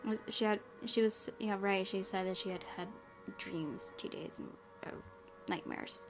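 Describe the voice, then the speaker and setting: In an unhurried, mid-range voice, a woman streams a visual novel, reading it aloud and chatting casually as she goes. It's let's-play narration with faint music in the background.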